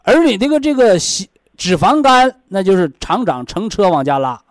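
A man's voice: high-pitched, expressive, normal speed, no room sound. A man with a Northeastern Chinese accent giving folksy health advice to a caller, colloquial and repeating himself as he explains with homely analogies. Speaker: health expert advising callers on a radio programme.

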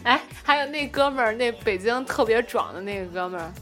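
A young woman hosting a casual podcast chat, telling a story in an animated way and acting out what others said. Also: on the high side, brisk, soft background music. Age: young adult. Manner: animated storyteller, acts out quoted dialogue. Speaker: podcast host.

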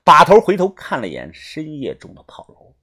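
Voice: mid-range voice, huge pitch swings, normal speed, pushed and bright, husky. A storyteller narrating an audiobook dramatically, drawing out particles at phrase ends.

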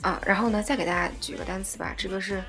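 A woman teaching a language lesson, explaining word by word and repeating each example slowly and patiently. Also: mid-range voice, steady tone, fairly bright tone, faint music behind.

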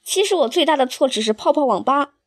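Woman storyteller, high pitch, dry close sound, expressive and emotional first-person reading. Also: fast talker, no room sound.

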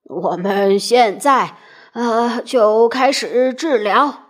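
A woman voicing a plump, breathless male doctor in a storybook reading, puffing and grunting as he speaks. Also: on the high side. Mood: wheezy, greedy. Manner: puffing, drawn-out, with grunting fillers.

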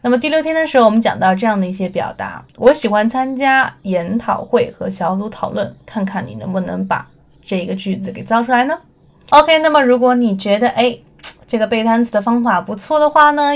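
A young woman teaching English vocabulary in a recorded lesson. She explains patiently, asks rhetorical questions and answers them herself, and slows right down to model each word's pronunciation. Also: medium pitch. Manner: drawls words slowly when modelling pronunciation.

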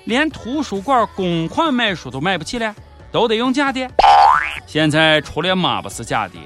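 A male comedy news host with a Shaanxi accent. His voice sits a little high and swings in a lively way as he delivers mock-serious, sardonic commentary. Music plays behind him. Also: moderate pace. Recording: background music under the voice.

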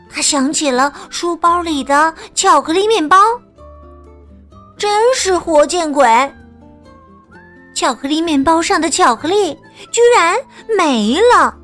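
Slow, lively-voiced woman storyteller. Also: high voice. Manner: gentle, sing-song, drawn-out storytelling. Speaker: children's storyteller. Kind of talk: bedtime picture-book narration.

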